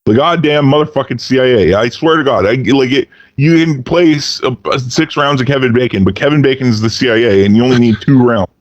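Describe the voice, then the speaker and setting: A man rants through a casual podcast chat, cursing freely and leaping up and down in pitch to hammer his points. The audio is dull and lo-fi, with a dry, close sound and no room echo. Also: fairly quick, few pauses. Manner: profane, ranting, swings pitch wildly for emphasis. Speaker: podcast co-host.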